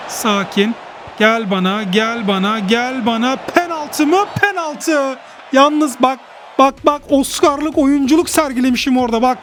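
A man with a strikingly high voice calls his football video game as he plays. His play-by-play is excitable and boastful, and he keeps joking about his own skill. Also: a little hiss or hum. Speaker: gaming YouTuber. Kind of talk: live gameplay commentary.

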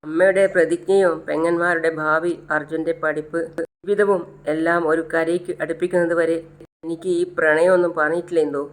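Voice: mid-range voice, little pitch movement, fairly quick, natural voice. A narrator voicing a heartbroken young man torn by duty, pleading and choked with tears. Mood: tender regret. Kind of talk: retelling a TV serial.

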